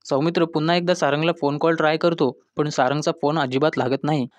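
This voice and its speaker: A man's voice: a little high, fairly even intonation, brisk, dry recording. A man narrating a scripted recap of a TV serial episode, retelling scenes and reading the characters' lines aloud, and at times addressing listeners as friends.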